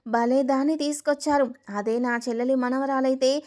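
A harsh, scolding grandmother in her nineties from a spoken family story, always grumbling at the household, as a woman narrator puts her on. The voice sits fairly high. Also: steady tone, normal speed, darkish tone, lightly acted.

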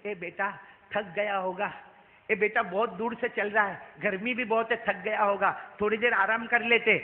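A male preacher voicing a frail, kindly elderly woman in an echoing hall, speaking softly and low. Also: steady tone, lightly acted. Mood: pleading. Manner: soft, low, pleading. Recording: tinny phone-like sound, echoey hall.

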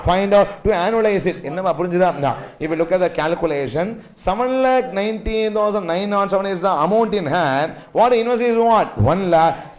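A man's voice: sits high, darkish tone. A middle-aged man with a South Indian accent lecturing a class, constantly firing questions to check they follow. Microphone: lectern microphone.

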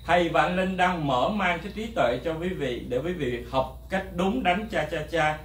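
A man teaching a drum lesson, lecturing bluntly and rambling, counting beats out loud. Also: on the high side, animated, moderate pace, slight background noise. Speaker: music teacher. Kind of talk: drum lesson, talking to camera. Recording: echoey room, mic at a distance. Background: faint drums and music.

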